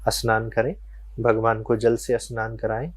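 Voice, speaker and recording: A man, a spiritual teacher, calmly explaining devotional practice in an interview and telling short religious parables. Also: fairly low pitch, dry recording. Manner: calm, unhurried, tells short religious parables.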